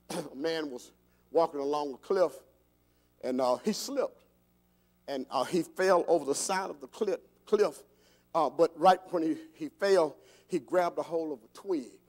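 A pastor preaching an animated sermon in a church, asking the congregation call-and-response questions and building to shouts. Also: male voice, a little high, takes it slowly, pauses often. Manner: repeats words, rising to shouts. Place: church sanctuary.

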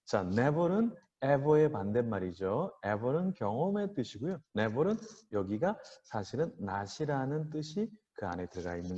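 A man teaching English phrases in a slow lecture, modelling each sentence carefully. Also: mid-range voice, warm tone. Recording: dull lo-fi sound with long reverb.

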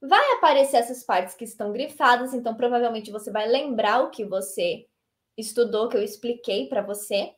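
High-voiced Brazilian woman teaching English. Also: moderate pace. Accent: Brazilian Portuguese. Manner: lively and chatty, with a tag question after each point. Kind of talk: online English lesson.

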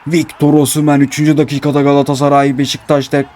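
A man commentating his own football video game match, swinging between calm narration and excited, complaining outbursts. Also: a little high, quick pace. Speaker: gaming YouTuber.

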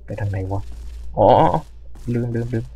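A man casually commenting while playing a horror game, swearing freely and reacting loudly to scares. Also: fairly low pitch, little pitch movement, unhurried, husky. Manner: talks to himself while exploring. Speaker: gamer. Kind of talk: let's play commentary.

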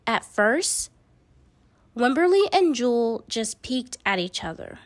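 Slow, expressive woman reading a storybook. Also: on the high side, dry recording. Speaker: storybook reader. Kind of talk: children's picture book read-aloud.

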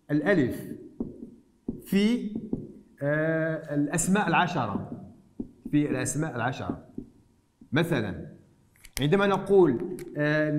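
A man from Morocco, teaching a recorded lesson. He talks slowly and deliberately, repeats key words, and fills pauses with "aah". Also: fairly high pitch, a little mellow.

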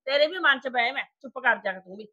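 A woman playing a middle-aged mother who keeps calming her children down, in a family drama. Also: sits high, fast talker. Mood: placating. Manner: soothing, calming others down. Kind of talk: village family drama acting. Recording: dull lo-fi sound.

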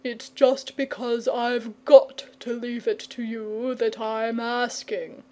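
A woman's voice: fairly high pitch, takes it slowly, darkish tone. A woman voicing a languid, coy, fussy male dragon in a storybook, with a leisurely drawl that can turn testy. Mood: anxious, testy. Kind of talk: storybook character reading.

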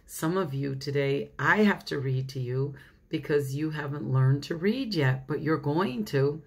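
Woman pastor, children's story time, low voice, unhurried, chatty asides to kids. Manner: chatty, talks straight to children, laughs often. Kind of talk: reading a children's story aloud.

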